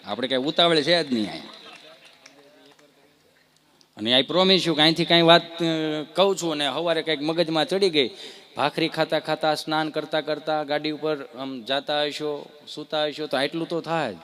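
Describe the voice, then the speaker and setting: Guy doing stand-up, sharp bright voice, pitch a bit high, keeps quizzing the crowd. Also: normal speed. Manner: animated storytelling, rhetorical questions to the crowd. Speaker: stand-up comedian. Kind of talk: live stand-up comedy.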